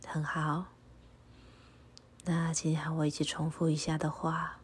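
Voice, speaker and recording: A woman guiding a meditation in a low, soft voice that slips into a breathy half-whisper. Her tone is unusually smooth and rounded. She speaks slowly and calmly, giving instructions step by step. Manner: slow, calm, instructive. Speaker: meditation guide. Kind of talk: guided meditation and prayer.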